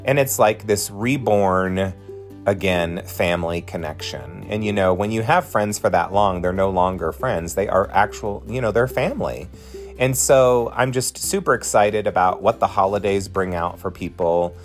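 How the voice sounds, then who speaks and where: A man in his forties, a podcast host and drag performer, delivers a casual podcast monologue in a low voice at a moderate pace. He is chatty, effusive and encouraging, speaking straight to his listeners, with soft music in the background.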